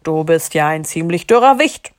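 A woman voicing a big, dumb, boastful male giant in a storybook read aloud, loud and blustering. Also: low-pitched, lively intonation, moderate pace. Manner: loud, blustering, whining when in trouble.

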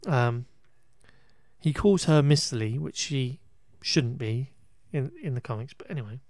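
Unhurried and mid-range with a darkish tone, a male podcaster recaps a film in clean studio sound with no room sound. His casual chat rambles, sounding wry and exasperated, with restarts and occasional swearing.

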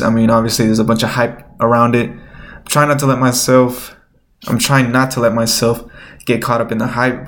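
A man with a nasal, slightly stuffed-up voice, rambling informally as he hosts an unscripted solo show. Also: mid-range voice. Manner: rambling, informal, thinking aloud. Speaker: host of a solo podcast. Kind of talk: unscripted casual chat.

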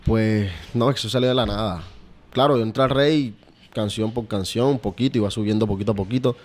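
A man's voice: on the low side, a little fast. Laid-back man, slangy. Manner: relaxed, laughs often, slangy barrio talk. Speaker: champeta singer guest. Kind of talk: casual podcast interview.

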